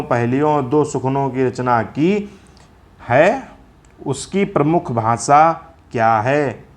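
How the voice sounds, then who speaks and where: Man teaching a casual exam-prep lesson. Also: mid-range voice. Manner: casual, chatty, addresses viewers as friends; repeats answers with frequent filler checks.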